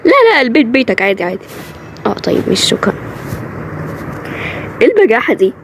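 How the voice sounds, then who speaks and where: An Egyptian woman performs a home-made animated drama, moving briskly from one role to the next in everyday conversational lines. Her voice sits fairly high for a woman. A faint background hiss runs under it. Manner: quick, chatty lines shifting from role to role.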